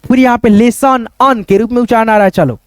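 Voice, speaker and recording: A man teaching English pronunciation, spelling words out letter by letter and then saying them slowly, with the same friendly filler phrases over and over. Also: very high-pitched, smooth, no room sound. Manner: repetitive, keeps saying "okay friends" and "look here".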